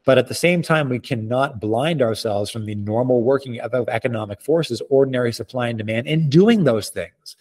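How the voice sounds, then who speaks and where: A man speaking as an expert interview guest, explaining in articulate, measured, formal phrasing. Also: mid-range voice, a little mellow.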